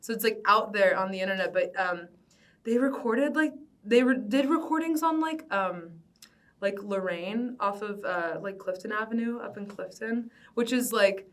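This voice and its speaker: A young adult woman from Cincinnati, a band vocalist, chats casually in an oral-history interview, her loose, informal speech peppered with "like." Her American voice is mid-range and fairly bright, at a normal speed, and the mic sits at a distance.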